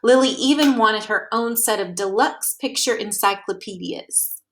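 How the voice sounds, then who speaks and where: In a mid-range voice, a woman storyteller reads a children's picture book aloud, narrating expressively and deliberately while leaning on key words.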